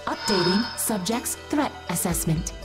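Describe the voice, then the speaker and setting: An actress voicing an artificial female unit in a video game, a glitching robot voice giving flat machine-like status reports and error messages. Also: mid-range voice, unhurried, over music, lightly acted. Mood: mechanical. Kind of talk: video game story cutscene.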